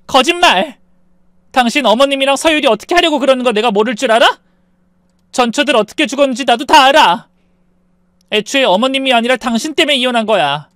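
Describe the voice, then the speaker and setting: A man voicing an indignant young wife who shouts accusations at her husband in a story narration. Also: high voice, fairly quick, no echo, voice pushed up. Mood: defiant.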